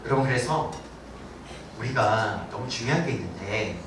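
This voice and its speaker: A man's voice: fairly low pitch, moderate pace, noisy background. A man preaching a Sunday sermon as senior pastor, asking the congregation questions and acting out what people say. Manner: animated, asks the congregation questions and acts out quotes. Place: church sanctuary. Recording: very echoey church hall, mic from a distance.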